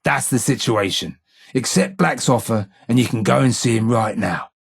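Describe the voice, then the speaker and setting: In this video game dialogue, a male voice at mid-range pitch plays a weary old informer from London's underworld, with a London accent. His husky, gravelly tone is rough with fry and rasp. He sounds grave, speaking in a measured, wry way laced with street slang and long-held guilt.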